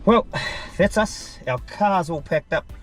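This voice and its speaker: A man's voice: on the high side, lively intonation, takes it slowly, faint music behind. A man with a broad New Zealand accent, talking casually and matey in slang as he narrates a hunting vlog. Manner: colloquial Kiwi slang, matey. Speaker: hunting vlogger.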